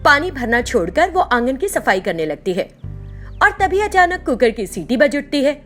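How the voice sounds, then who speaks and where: A woman narrating a scripted children's story in an expressive storytelling manner. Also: high voice, normal speed, faint music behind.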